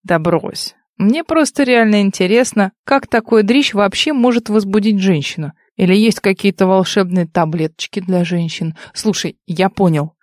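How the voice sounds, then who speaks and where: A woman's voice: mid-range voice, normal speed, hardly any pauses, darkish tone, dry recording, studio quality, natural voice. A woman voicing a smug young man who talks down to others with sneering condescension in an audiobook. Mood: mocking. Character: smug mocking young man, old rival.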